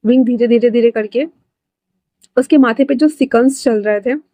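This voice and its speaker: Woman narrator for fan fiction; casual, a touch high, dry recording. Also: normal speed, dark tone, dry recording. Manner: casual, chatty, with fillers. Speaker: storyteller.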